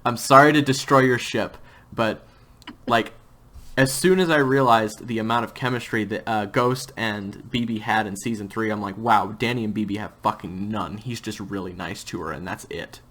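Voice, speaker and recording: A man's voice: fairly low pitch, steady tone, moderate pace, bright, forceful tone. A man hosting a casual interview chat, speaking in a frank, blunt and emphatic way. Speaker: writer, voice actor and host of the series.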